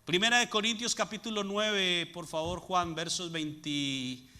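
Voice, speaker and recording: Male pastor, high voice, very bright and forceful tone, preaching with rhetorical questions. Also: steady tone, moderate pace. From Latin America. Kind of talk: sermon.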